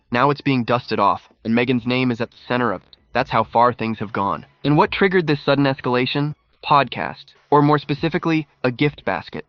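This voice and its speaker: A man's voice: mid-range voice, no room sound. Male voice-over, scripted news narration, clipped dramatic phrasing, dry and dull lo-fi sound.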